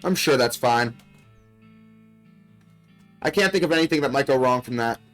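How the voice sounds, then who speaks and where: A man's voice: medium pitch, lively intonation, moderate pace, fairly bright tone, faint music behind. A man doing a casual let's play, reading game text aloud with muttered, dryly understated asides. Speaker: video game player and commentator.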